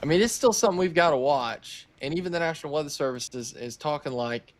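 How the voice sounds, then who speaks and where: A man's voice: fairly high pitch, fast. A man co-hosting live storm coverage, thinking aloud in a cautious, hedging way. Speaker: co-host storm tracker. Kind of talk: live weather commentary.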